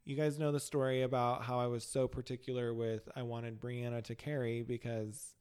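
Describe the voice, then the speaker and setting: A man's voice: mid-range voice, little pitch movement, normal speed, a little mellow, smooth. A man hosting a podcast in casual chat, camp and playful in manner. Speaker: podcast host.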